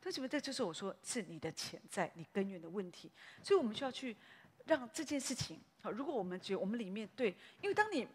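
A woman pastor, preaching a sermon in a lively, conversational way that is full of little tag words. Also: medium pitch, fast talker, slightly rough, in a large hall. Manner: animated, conversational preaching with frequent "哈" tags.

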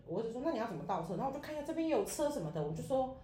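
A high-voiced woman tells a story fast and with lots of swing in her pitch. She acts out her own past words as she goes. The sound is echoey. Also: big pitch swings, mellow. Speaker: podcast co-host. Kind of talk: casual chat.

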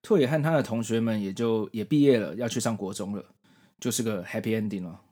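Speaking a little quickly in a warm, lowish voice, a podcast host in his forties talks through manga reviews conversationally. He has a Taiwanese Mandarin accent.

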